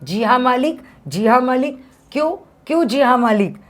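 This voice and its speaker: A woman reading out a stern stingy master of the house, lecturing, counting money out slowly, read aloud from a story in class. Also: mid-range voice, a little mellow, lightly acted. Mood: angry. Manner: lecturing, drawn-out reckoning of money.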